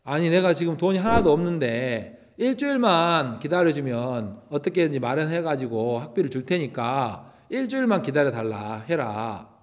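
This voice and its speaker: A man voicing a tired, poor mother who speaks low and wearily. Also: sing-song, moderate pace, hardly any pauses. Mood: weary.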